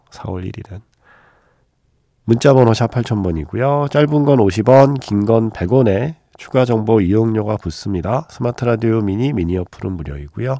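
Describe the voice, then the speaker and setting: A man hosting a radio show in a conversational storytelling style, with a congested, nasal voice from a stuffy nose and an expressive, pausing delivery. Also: fairly low pitch, dry recording, studio quality. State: stuffy nose from seasonal rhinitis. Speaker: radio film-music show host. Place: radio studio.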